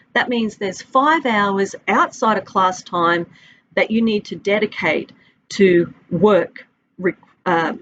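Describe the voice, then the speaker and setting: In her office with its large window, a middle-aged Australian woman who teaches at a university gives a course introduction in a friendly, chatty manner, lengthening the items she lists. Her medium-pitched voice comes through a desk webcam on a muffled recording with a little hiss or hum.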